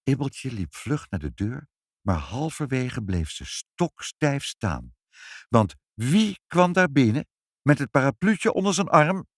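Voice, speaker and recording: A man reads a children's story aloud with great expression. His pitch rises and falls with lots of movement. The sound is dry and close. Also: slow pace, no echo. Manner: expressive, lively reading.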